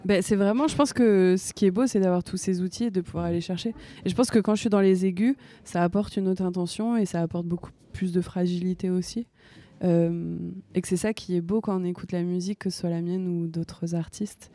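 A brisk, steady-toned young woman from France with a lowish voice, a singer-songwriter, answers interview questions casually. Still, she sounds soft and a bit hesitant, leaning on frequent fillers and restarts.

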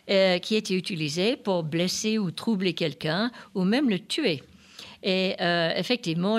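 A woman co-hosting a radio music show, explaining background in a deliberate manner with occasional fillers. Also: medium pitch. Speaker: radio co-host.

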